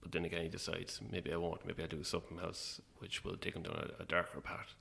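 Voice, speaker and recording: This man's low, gravelly voice has a sharp edge and barely moves in pitch, and he speaks quickly. He's a playwright and actor chatting as an interview guest, reflecting hesitantly on his own creative work.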